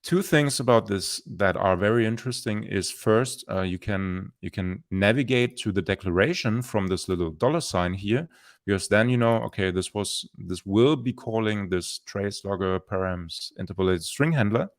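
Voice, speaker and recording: A man presenting a software demo on a live stream, explaining features as he thinks aloud with many restarts and fillers. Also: lowish voice, normal speed. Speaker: developer presenter.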